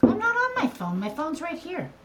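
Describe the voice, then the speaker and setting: A woman's voice: very high voice, wildly swooping pitch, normal speed, pushed and bright, a little hiss or hum. Woman on a glitchy call, cutting out. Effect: call audio cutting out on a shaky connection. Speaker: podcast co-host. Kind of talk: casual chat over a video call. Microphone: video call.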